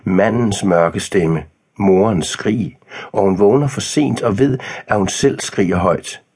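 A man narrating an audiobook in a measured, calm way. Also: lowish voice, slightly rough.

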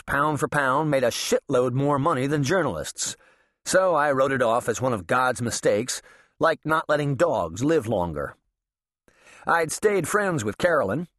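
A man's voice: mid-range voice, a bit bright, no echo, studio quality. A man narrating an audiobook in a wry, sardonic first-person voice. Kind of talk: scripted narration.

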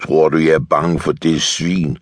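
A bitter, defeatist tank lieutenant talks bluntly and swears freely, as a male narrator plays him. The voice is deep and husky, close and dry. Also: flat delivery, no room sound.

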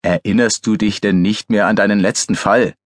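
A man's voice: on the low side, fairly even intonation, moderate pace, no echo, studio quality, close to an everyday voice. A man voicing a teasing, jovial male forensic pathologist who needles his grumpy friend in an audiobook. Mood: mocking glee. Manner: gleeful, needling, mock-exasperated.

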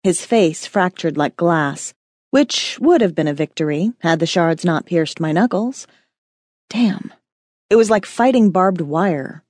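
A woman's voice: on the low side, lively intonation, measured pace, darkish tone, dry recording, studio quality. A woman narrating a first-person fantasy audiobook with wry, dramatic storytelling.

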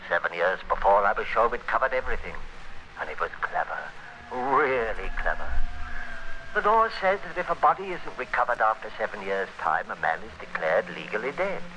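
In a noisy vintage 1940s radio thriller, an actor plays a cold, scheming criminal who narrates his murderous plot and barks orders. His lowish voice is very animated, a little fast, and bright with force, delivered hard, domineering, clipped and menacing in a grim, calculating mood.

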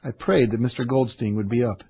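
A man's voice: medium pitch, steady tone, brisk, husky. A man narrating a first-person story in an earnest storytelling manner, on a slightly muffled audiobook recording.

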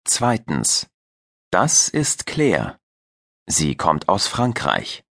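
Deep-voiced man narrating a language lesson. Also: huge pitch swings, a bit bright, dry recording, clean studio sound. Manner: slow, clear, didactic. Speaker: language-course narrator and teacher. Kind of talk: scripted audio lesson narration.

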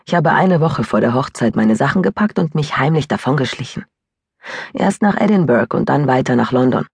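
A woman's voice: very deep voice, expressive, brisk, vocal fry, darkish tone, breathy edge, dry recording, full character voice. A woman narrator voicing a troubled young woman in an audiobook, telling her past in a rueful, sighing way. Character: troubled young woman recalling a broken engagement. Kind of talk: audiobook character voice.

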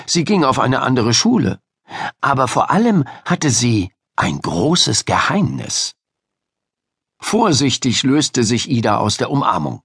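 A man narrating a children's audiobook in an expressive storytelling way. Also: medium pitch, measured pace, vocal fry, slightly rough, no echo, clean studio sound.

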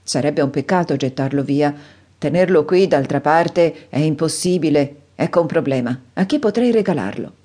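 Female narrator plays a courteous, flustered middle-aged doctor; low and mellow. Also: animated, normal speed. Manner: courteous, hesitant.

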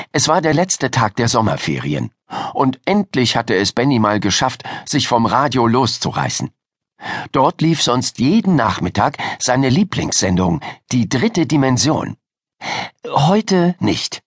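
A man narrating a children's audiobook with expressive, lively storytelling. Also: medium pitch, slightly rough, no echo, studio quality.

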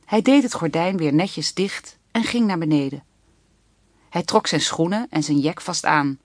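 A woman reading a children's book aloud in a steady, clear narrating voice. Her voice is on the low side, and the recording is dry and close with no room sound. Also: a little slow, dry recording. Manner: even, clear storytelling. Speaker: audiobook narrator.

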